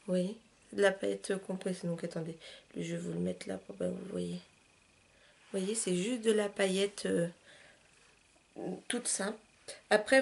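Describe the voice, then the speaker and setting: A woman talks through her makeup routine in a relaxed, chatty way, her voice sitting at an ordinary middle pitch. She fills pauses with little hesitations and "hop" sounds and drops into softer asides as she works. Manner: chatty, loose, with frequent "euh", "hop" and "voilà". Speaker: beauty vlogger. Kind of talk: casual makeup tutorial chat.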